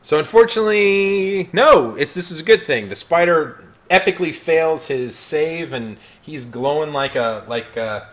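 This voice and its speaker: Brief: man, dungeon master, fairly high voice, talks in long descriptive runs with restarts. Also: animated, measured pace. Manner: descriptive, with restarts and filler phrases. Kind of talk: narrating a tabletop game.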